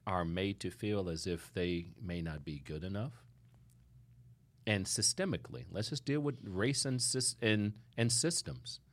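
A man hosting a studio interview podcast, speaking emphatically and warmly to his guest. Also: low-pitched. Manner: warm, emphatic, calls guest "sister". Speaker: podcast host.

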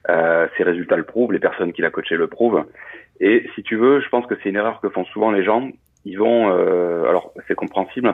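A man, a coach who used to be a pilot, talks through his training in a loose, explanatory way, full of fillers and restarts. His voice sits low and slightly husky, and he moves at a quick clip. The sound comes through a thin, phone-like line. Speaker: guest, coach and former pilot. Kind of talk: casual interview talk.

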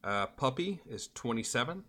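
A man's voice: mid-range voice, sing-song, normal speed, sharp tone. A man in his mid-twenties chatting casually on a podcast, blunt and loose, dropping the odd swear. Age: 20s. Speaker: podcast co-host. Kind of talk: casual chat.

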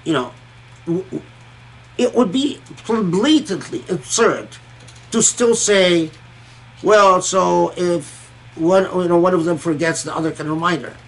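This high-voiced man, from Egypt and Kuwait, talks through scripture in an informal, learned way. His speech is reflective and hesitant, full of pauses and repeated words, and the audio quality is poor.

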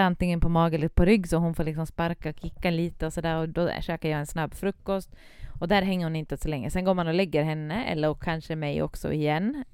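Chatty woman with a smooth voice. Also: on the low side, a little mellow, no room sound, clean studio sound. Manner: chatty, rambling with many fillers. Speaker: parent. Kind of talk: casual chat.

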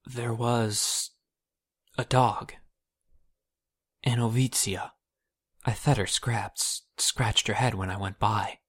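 A man playing a husky, troubled young mage. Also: on the low side, steady tone, fairly bright tone, full character voice. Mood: halting. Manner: halting and defensive. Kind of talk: audio drama acting.

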